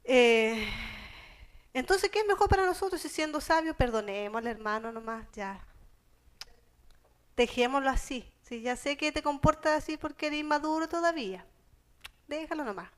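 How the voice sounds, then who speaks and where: Una mujer con acento chileno predicando un sermón, que lee pasajes bíblicos y los explica en palabras sencillas y cercanas. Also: female voice, high-pitched, animated, moderate pace, long pauses. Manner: conversational, explains scripture in plain everyday terms; reads Bible passages aloud. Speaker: preacher. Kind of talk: sermon.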